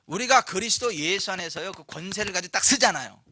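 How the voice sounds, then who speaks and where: High, bright-voiced Korean pastor preaching. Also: male voice, expressive, fast talker. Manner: conversational preaching that surges into loud proclamations. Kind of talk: sermon. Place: church sanctuary.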